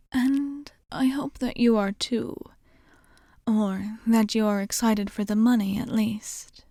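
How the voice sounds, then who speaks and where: In an ASMR roleplay, a woman plays a kind, courteous vampire bartender, offering polite and formal reassurance in a soft, breathy voice close to a whisper. Her pitch is medium, and the studio-quality recording has no echo.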